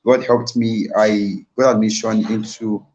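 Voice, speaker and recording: The audio is poor, with a bit of hiss or hum, carrying a fairly low, slightly mellow male voice with flat delivery at a measured pace. He's a young invited speaker with a Nigerian accent, earnestly telling his own story on a live stream and driving key points home to the audience again and again.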